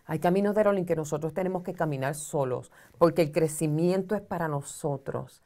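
A middle-aged woman with a fairly low voice talks earnestly on a studio talk show set. She counsels and explains at length, recorded close on a lapel mic. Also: a little fast, dark tone. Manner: earnest, counseling, gestures widely while explaining. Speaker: social communicator guest. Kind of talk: advice talk show conversation.

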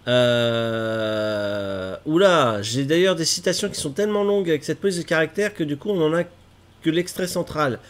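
Sitting in his gaming chair in a small room at home, a stuffy man in his thirties with a cold talks casually to his live-stream viewers, fussing over tech trouble between gaming. His voice is a little high and moves at a normal speed, and his chat is self-mocking.

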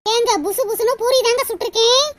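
A woman voicing a defiant, sharp-tongued young wife in a cartoon, talking back sarcastically with a southern Tamil accent. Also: very high-pitched, fairly even intonation, a little fast. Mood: dutiful. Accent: southern Tamil (Tirunelveli). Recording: loud background noise.

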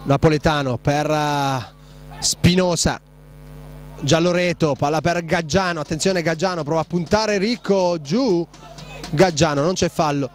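A man giving breathless, excitable live play-by-play commentary on a futsal match. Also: fairly high pitch, unhurried, soft background music. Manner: breathless, excitable, shouting on goals.

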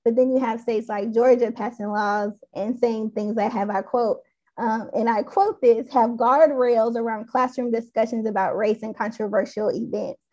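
A higher-voiced woman with a mellow tone, speaking candidly as a panelist over a video call. She thinks aloud and pauses on "um" and "like". The audio is dull and lo-fi. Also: steady tone. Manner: candid, thoughtful, with "um" and "like".

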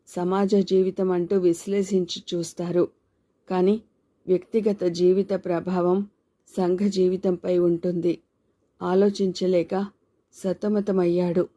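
A woman narrating a novel as an audiobook in a measured, reflective reading. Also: fairly low pitch, dark tone.

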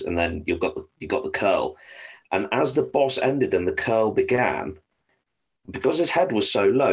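A man's voice: deep voice, husky. A man with an English accent, a podcast guest telling rambling stories and swearing freely. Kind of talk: casual storytelling.

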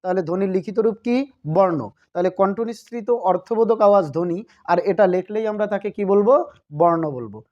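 A man gives a recorded grammar lesson in a fairly high voice. He repeats each point and poses questions to answer them himself. The recording sounds dull and lo-fi. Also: fast, a little mellow. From Bangladesh. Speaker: Bangla grammar teacher.

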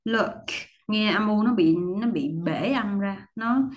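Here a woman gives an English pronunciation lesson, walking through it patiently step by step, repeating model words and clearing her throat often. She speaks at medium pitch, animated yet at a measured pace.

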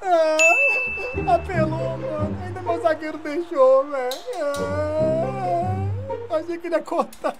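A Brazilian woman streaming a football video game, commenting live in an excitable, taunting way and swearing often. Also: extremely high pitch, takes it slowly, loud music behind the voice. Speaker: gaming streamer.

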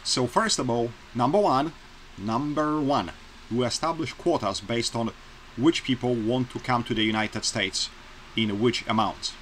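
A Polish man in his forties, with a Polish accent, earnestly and plainly shares his opinions in a casual vlog, sitting close to his webcam in a small bedroom and repeating points for emphasis. His voice is mid-range and fairly bright, his pace measured, and the low-quality recording carries a little hiss or hum.

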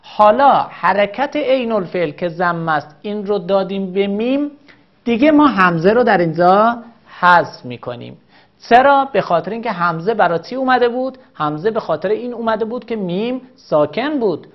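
A woman teaching a recorded grammar lesson, explaining patiently and repeating each example slowly. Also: mid-range voice, animated, highs cut off.

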